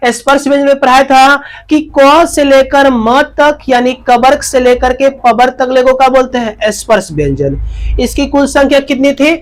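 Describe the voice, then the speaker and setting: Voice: high-pitched, moderate pace, rough recording. A teacher gives an exam-focused grammar lesson beside a teaching board, asking questions and answering them while repeating key terms.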